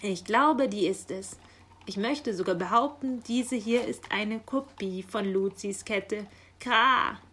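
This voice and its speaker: Brief: a woman putting on an exasperated male raven postman, croaking at the end of lines, storybook tone. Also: medium pitch, lively intonation, moderate pace, a bit bright.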